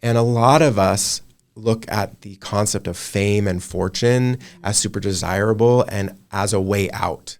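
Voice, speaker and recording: A man's voice: on the low side, a little slow. A man in his thirties, an image consultant, talking through his ideas at length in a casual interview. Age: 30s. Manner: thoughtful, talks in long run-on thoughts with restarts.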